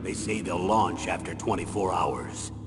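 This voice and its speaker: Grave, commanding colonel in echoing hall. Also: male voice, sits low, animated, measured pace, music in the background. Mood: firm, matter-of-fact. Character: grave commanding male colonel briefing an agent. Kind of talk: scripted video game voice acting. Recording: echoey hall, noisy ambience.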